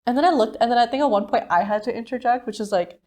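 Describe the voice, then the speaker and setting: A young woman chatting on a podcast, her voice sitting a touch higher than most. She tells a family story with lively acted-out quotes, switching voices for each person. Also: quick pace. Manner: animated, acts out family members' voices in quotes. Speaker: podcast co-host. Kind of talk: casual storytelling chat.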